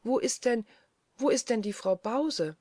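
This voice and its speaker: A woman's voice: on the high side, expressive, unhurried, warm tone, no echo, clean studio sound, voice pushed up. A woman voicing a little girl, easily frightened, speaking in wondering exclamations. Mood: puzzled.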